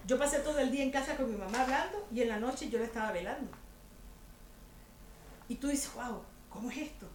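Her voice sits high and she keeps a brisk pace, with a little hiss or hum in the audio. A women's ministry speaker, she preaches a chatty, humorous sermon to a women's group, frequently asking her listeners rhetorical questions, in an echoey room with faint ambience.

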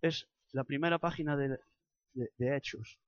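A man with an accent from Spain preaching a sermon, building to loud impassioned passages and acted prayers. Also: mid-range voice, normal speed, dry recording, lo-fi sound. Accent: Spanish from Spain.

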